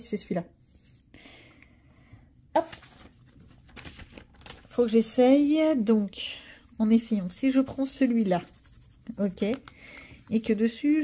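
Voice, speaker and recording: A woman talks casually through her coloring session, chatty and self-mocking with the viewers. Her voice sits a little high, but the tone is mellow and dark rather than bright. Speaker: coloring vlogger. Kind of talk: casual voice-over while coloring.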